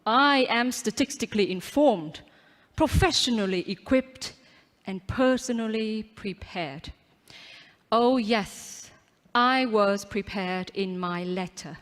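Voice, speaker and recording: A woman giving a rehearsed competition speech, projecting loudly with theatrical emphasis and dramatic pauses. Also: mid-range voice. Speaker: contest public speaker. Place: large auditorium on stage. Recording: echoing large hall.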